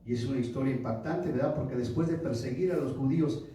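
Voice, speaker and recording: A man preaching a sermon, putting questions to the congregation and rising to loud, emphatic peaks. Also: medium pitch, quick pace, a little hiss or hum. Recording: echoey room from far off.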